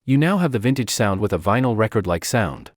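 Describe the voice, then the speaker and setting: A tutorial narrator reads a scripted software how-to, his pitch moving lively from phrase to phrase at a slightly fast pace. The recording is close and dry, with no room sound.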